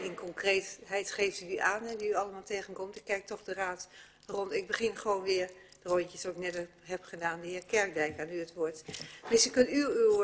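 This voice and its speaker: A man's voice: high-pitched, a bit bright. A man chairing a council debate, politely handing out speaking turns. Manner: polite, procedural. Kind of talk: chairing a meeting. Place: council chamber. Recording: reverberant council chamber.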